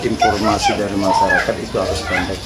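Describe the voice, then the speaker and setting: A man, a police officer, giving a formal, halting statement to the press at a scene. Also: low voice, wildly swooping pitch, heavy background noise.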